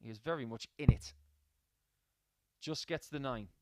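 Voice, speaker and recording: A man's voice: medium pitch, normal speed, very noisy. A man giving live darts commentary in a chatty, anecdotal way, mixing statistics with personal asides.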